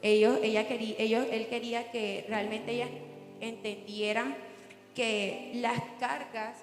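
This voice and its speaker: A woman's voice: on the high side, flat delivery, measured pace. A woman preaching a sermon in an earnest, conversational way and asking the listeners questions. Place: church hall. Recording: echoey church hall with long reverb. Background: music.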